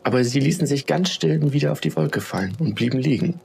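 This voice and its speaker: A man narrating a children's bedtime story in a calm, steady storytelling manner. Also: medium pitch, a little fast, gravelly, slight background noise.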